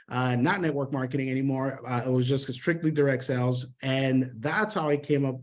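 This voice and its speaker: Upbeat man from Honduras on a call. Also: medium pitch. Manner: upbeat, repeats words, many fillers. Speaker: sales trainer, guest mentor. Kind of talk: motivational sales training over a call. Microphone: online call.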